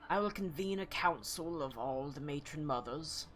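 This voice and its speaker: A man voicing a grave, commanding older woman who leads a noble house, in a hushed and formal manner during a tabletop game. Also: fairly high pitch, animated, moderate pace, soft background music. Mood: formal, gracious. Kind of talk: tabletop role-play voicing.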